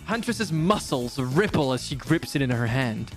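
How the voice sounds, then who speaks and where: A man's voice: medium pitch, lively intonation, normal speed. A man streaming a game, switching between casual, sweary commentary and dramatic read-aloud narration. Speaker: streamer playing and voice-acting a game. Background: background music.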